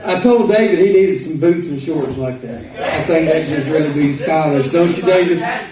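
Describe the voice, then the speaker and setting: A man with an Arkansas accent giving an informal, folksy sermon with halting pauses. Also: a little high, a crowd in the background. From Arkansas, United States. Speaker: preacher. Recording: roomy echo, distant microphone.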